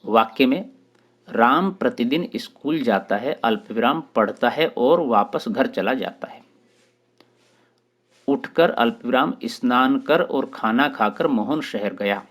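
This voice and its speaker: Man teaching Hindi grammar, measured. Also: medium pitch, expressive, fairly bright tone. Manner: explanatory, lists terms one by one with short pauses. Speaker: teacher and channel host. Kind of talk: grammar lesson for exam preparation.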